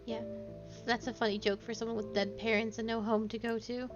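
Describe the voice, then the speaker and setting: A woman's voice: level tone, fairly quick, muffled recording, music in the background, lightly acted. Woman playing a sneering boy bully. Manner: sneering, then shrill and whining. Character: cruel, whiny boy bully, village leader.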